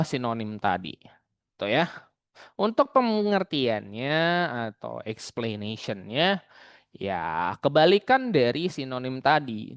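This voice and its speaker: Young male exam tutor, chatty and explanatory, smooth clear tone, dry close sound. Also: medium pitch, no room sound. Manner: chatty and explanatory, often tagging lines with "gitu" and "ya". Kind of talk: casual online exam-prep lesson.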